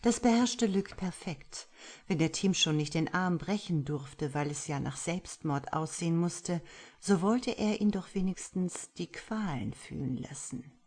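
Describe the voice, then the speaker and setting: A woman narrating a dark thriller audiobook in measured, dramatic storytelling. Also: fairly low pitch, lively intonation, husky.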